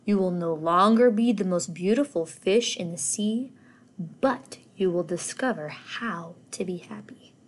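A woman voicing a wise old female octopus in a storybook, speaking slowly and solemnly. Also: mid-range voice, natural voice.

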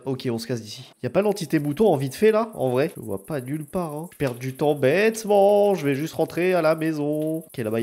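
A man's voice: a little high, darkish tone. A young man giving chatty live gameplay commentary, swearing often and yelping when something startles him. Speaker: gaming video creator.

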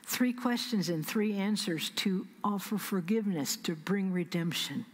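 Husky-voiced woman pastor preaching in a reverberant church. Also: mid-range voice. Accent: American Midwest. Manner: measured preaching with slow emphatic pauses, soft whispered asides. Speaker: senior pastor. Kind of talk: sermon. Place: large church sanctuary. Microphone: pulpit stand mic.

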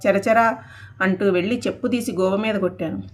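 A woman with a Telugu accent, narrating a first-person audio story in an earnest, steady way. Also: mid-range voice, brisk.

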